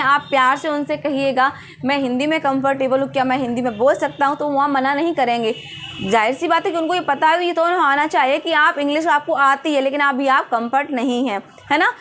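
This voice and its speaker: High-voiced woman coaching candidates. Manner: earnest, coaching, often asks "है ना?". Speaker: vlogger giving interview tips. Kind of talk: casual advice vlog.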